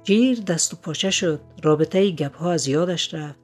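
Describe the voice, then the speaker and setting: Storyteller over soft music. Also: medium pitch. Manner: measured, descriptive. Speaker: narrator. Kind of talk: scripted story reading.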